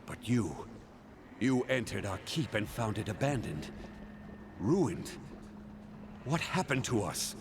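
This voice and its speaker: A man's voice: lowish voice, very animated, creaky, background noise, exaggerated voice. A man voicing a tired old male spirit, grieving and solemn, in a dramatic video game style. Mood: sorrowful. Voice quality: tired, aged voice. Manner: slow, solemn, formal.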